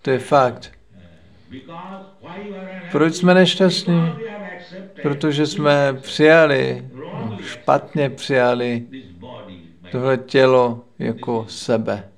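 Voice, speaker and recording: A man giving a religious lecture in a measured, preaching manner, repeating phrases in lists. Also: medium pitch, steady tone. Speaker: spiritual lecturer.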